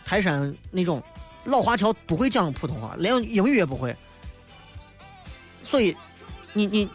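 A man with a high-pitched voice and a Shaanxi dialect accent, bantering through a comic radio monologue. He sounds wry and teasing as he knocks down misconceptions, speaking into a studio microphone with faint music underneath. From Shaanxi, China. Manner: wry, joking, mocks misconceptions in a lively banter. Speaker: radio talk show host.

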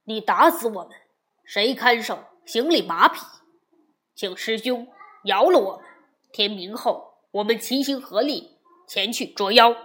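A woman voicing a meek male monk disciple in a storybook tale, begging loudly in a lowered voice. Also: unhurried. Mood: pleading. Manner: begging, earnest.

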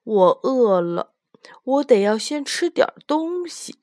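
Lady voicing a lazy drawling piggy, slow and close. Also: a little high, very animated, darkish tone, no echo, voice pushed up. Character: lazy happy little pig.

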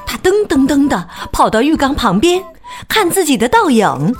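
A woman reading a children's picture book aloud as a storyteller, slow and expressive. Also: sits high. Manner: slow, expressive, sing-song.

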